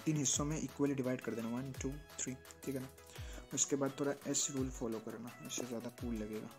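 A man giving a casual step-by-step photo editing tutorial, often pausing to check in with the viewer. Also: medium pitch, a little mellow. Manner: explains step by step, often checks in with "theek hai na". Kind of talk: casual screen-recorded tutorial.

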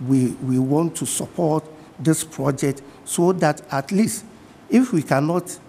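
A middle-aged man with a Ghanaian accent, a guest from the fishing industry in a TV studio interview, speaking in a measured way and repeating his key points. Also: a little high, mellow, long reverb tail, slight background noise.

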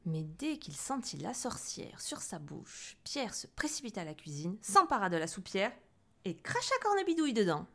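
A woman telling a children's story aloud in an expressive, theatrical way. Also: medium pitch, moderate pace. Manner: lively, theatrical.

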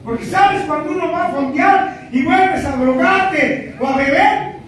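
A man's voice: very high voice, measured pace, very echoey. Mexican male sponsor, crude and scolding to a rehab group, captured from far off in a noisy room. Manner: profane, scolding, half-shouting. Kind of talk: confrontational testimony to a group.

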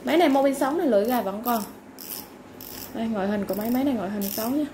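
Woman w highish voice doing a sales pitch, listing items politely n informally, noisy background. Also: rapid-fire, mellow. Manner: polite, informal listing with repeated stock phrases. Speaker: online seller of used fishing reels. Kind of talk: live product sales pitch, item by item. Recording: clearly noisy background ambience.

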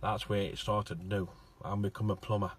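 A man's voice: lowish voice, little pitch movement, normal speed, breathy edge. A middle-aged man vlogging from inside a car on a phone held at arm's length, stammering and repeating words as he talks. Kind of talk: casual selfie vlog.

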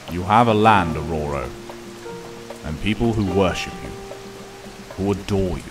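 A man playing a wise, grave older professor in an audio drama, with a measured, formal, persuasive delivery. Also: low-pitched. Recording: loud music and rain behind.

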